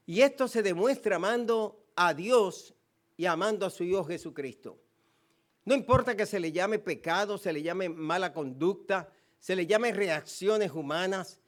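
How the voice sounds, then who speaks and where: Man, Puerto Rican accent, pastor preaching, high voice, emphatic repetition. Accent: Puerto Rican Spanish. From Puerto Rico. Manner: emphatic preaching with repeated phrases and quoted scripture. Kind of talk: sermon.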